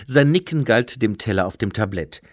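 A man reading a story aloud as narrator, slow and expressive. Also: lowish voice, no room sound, studio quality. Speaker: audiobook narrator. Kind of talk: scripted narration.

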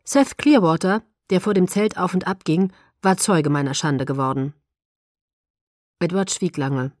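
A woman narrating a novel in first person with an even, measured reading. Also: low voice, no room sound, clean studio sound. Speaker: audiobook narrator.

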